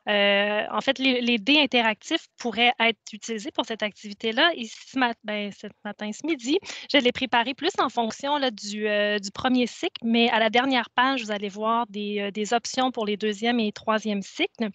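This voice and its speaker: A woman presenting a classroom reading activity to teachers, pausing often with fillers. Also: on the high side, fairly bright tone, dry recording. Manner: hesitant, many "euh" fillers, thinking aloud. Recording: dull, dry, muffled audio.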